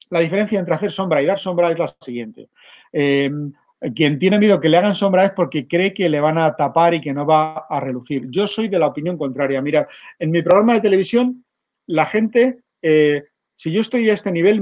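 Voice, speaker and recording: A middle-aged man with a Spanish accent, giving an energetic online conference talk straight to his audience over a webcam. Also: a little high, highs cut off. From Spain. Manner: energetic, direct, addresses audience as "mirad". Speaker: conference speaker.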